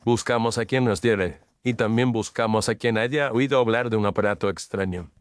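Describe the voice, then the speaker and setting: A man's lowish, clear and resonant voice, close to an everyday voice, keeps a moderate pace with no echo. He acts in a radio drama as a cool, exacting, middle-aged detective, giving precise, commanding pronouncements in a measured way.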